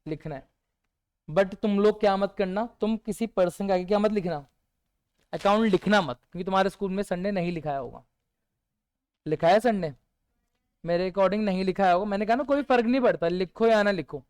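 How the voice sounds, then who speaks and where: A male teacher giving a revision lecture who keeps asking his students rhetorical questions and answers many of them himself with quiet one-word replies. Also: sits high, fairly quick, long pauses, clean tone.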